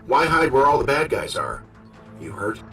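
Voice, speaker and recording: An actor playing a confident, wisecracking male superhero inventor in a video game, talking in a brisk, casual, commanding way. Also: medium pitch, wildly swooping pitch, vocal fry, soft background music, exaggerated voice. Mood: urgent, wry. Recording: distant, under loud game soundtrack.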